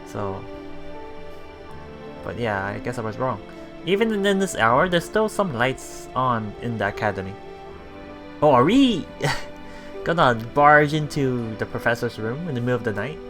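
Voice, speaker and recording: Over music, a man reads a visual novel aloud for a let's play in a sing-song, mid-range voice. He halts and repeats words, breaking away for casual comments.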